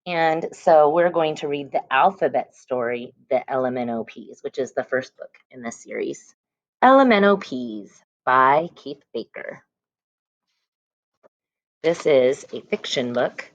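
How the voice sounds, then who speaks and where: An elementary school teacher, a woman with a rumbling low voice and lively intonation, reads a picture book aloud to her young class at an unhurried pace. She stresses words and letter sounds and adds brief explanations. The audio is dull, with no room sound.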